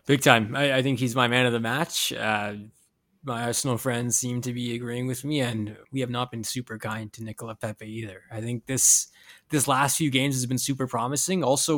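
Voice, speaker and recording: A man's voice: medium pitch, fairly bright tone. A man in casual sports chat, easygoing and a bit slangy as he gives his takes. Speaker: football podcast panelist.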